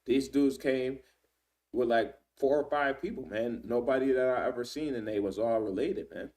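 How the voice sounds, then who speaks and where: A man's voice: medium pitch, darkish tone, far from the mic. A man in his thirties giving casual Bible teaching, talking loosely with frequent "man" and "right?", reading verses aloud and stopping to look things up. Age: 30s. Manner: conversational, fills with "man" and "right?"; reads scripture aloud and pauses to search.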